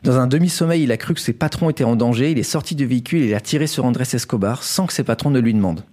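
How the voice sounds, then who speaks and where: A man's voice: mid-range voice, racing, mellow. A man hosting a casual sports podcast, telling a story with many fillers and restarts. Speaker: podcast host.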